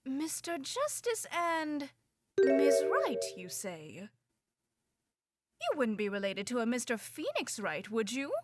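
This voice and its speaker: A woman voicing a pompous, formal mare on a high council, speaking in a proper, scolding manner in fan game voice acting. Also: sing-song, slow, soft background music, exaggerated voice. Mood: polite.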